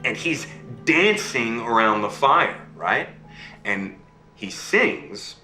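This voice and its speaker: A man's voice: mid-range voice, very animated, takes it slowly, sharp tone, echoey room, soft background music, full character voice. A man telling a fairy tale to his child over a video call, voicing the characters and checking in with okay and right. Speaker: father telling a bedtime story.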